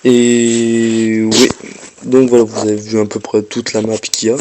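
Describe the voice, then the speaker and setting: A man's voice: lowish voice, monotone, measured pace, darkish tone, slight background noise. A man casually commenting on his game as he plays, explaining each step to viewers and talking to the game, a little ill. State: slightly ill, coughing. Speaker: gameplay commentator. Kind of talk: casual gameplay walkthrough commentary.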